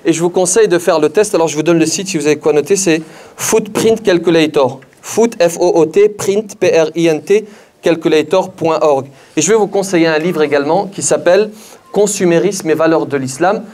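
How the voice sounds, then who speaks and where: A man's voice: fairly high pitch, darkish tone. A man giving a religious conference lecture, speaking straight to the audience, repeating key phrases for emphasis, with hesitations and restarts. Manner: measured, with frequent hesitations and restarts.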